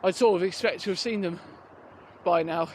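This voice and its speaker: High-voiced British man talking while running outdoors. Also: normal speed. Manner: hesitant, rambling, thinking aloud. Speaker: running vlogger. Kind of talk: casual unscripted vlog chat. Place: outdoors on a rural riverside footpath. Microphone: handheld phone or recorder on the move. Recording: noisy outdoor handheld recording, clicks.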